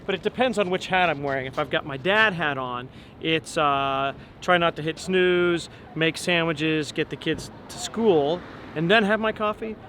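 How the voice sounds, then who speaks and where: Out on a city street, a man in his forties from Long Island, an opera tenor, gives a casual interview while walking, speaking at a moderate pace. He muses aloud in a fairly high, relaxed voice, with frequent ums and restarts, as traffic and street noise carry clearly.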